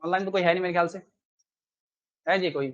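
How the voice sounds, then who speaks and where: A man's voice: sits high, steady tone, fast, lo-fi sound. A man teaching a live online maths class, chatty and coaxing, who keeps quizzing his students with rhetorical questions.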